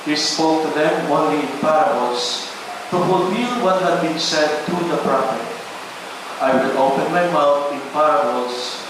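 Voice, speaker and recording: A man, a priest reading the gospel in a measured, deliberate way, heard with cathedral echo in a large church. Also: fairly high pitch. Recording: echoey church, distant mic, hiss.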